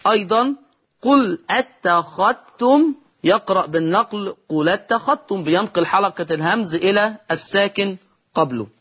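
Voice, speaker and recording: A man with an Egyptian Arabic accent teaching Quran recitation in a televised lesson, patient, addressing viewers directly, slowing down to chant example words before explaining each rule. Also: sits high, a bit bright, breathy edge.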